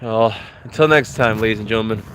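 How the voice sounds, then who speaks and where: American guy doing a rambly off the cuff review outside, keeps hunting for words, really loud wind noise. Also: fairly low pitch. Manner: halting, searching for words. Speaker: vlogger reviewing films. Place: outdoors in the cold countryside. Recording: windy outdoor microphone, loud wind noise. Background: strong wind.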